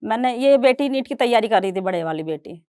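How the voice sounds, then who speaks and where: A woman's voice: on the high side, expressive, a little fast, warm tone, dry recording, studio quality. A middle-aged woman giving a stage talk, retelling her family story and voicing relatives in quoted dialogue. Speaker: guest speaker.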